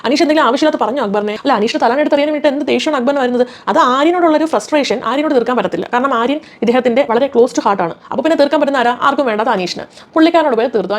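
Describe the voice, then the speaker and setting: A young woman talks at a breakneck clip in a casual commentary vlog, retelling reality show drama with animated, opinionated energy. Her voice sits a little high. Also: very fast, hardly any pauses.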